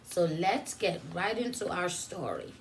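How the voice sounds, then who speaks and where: Reading a story to young children, this preschool teacher uses a low-ish, sing-song voice, stopping to explain things and pose simple questions before waiting for replies. There's slight background noise.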